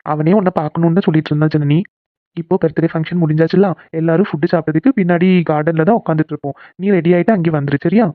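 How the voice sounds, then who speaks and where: A voice actor plays a bossy but caring young cartoon man who talks fast while coaxing and gently scolding a friend. The voice is natural and medium-pitched, and the sound is tinny and phone-like, with no room around it and no echo.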